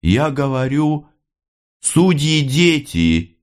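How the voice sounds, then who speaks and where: A man reading aloud voices a tired working-class mother, answering slowly in a dull, sighing tone. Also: low voice, very animated, gravelly, a little mellow, full character voice. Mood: dull resignation. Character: weary grieving working-class mother, middle-aged.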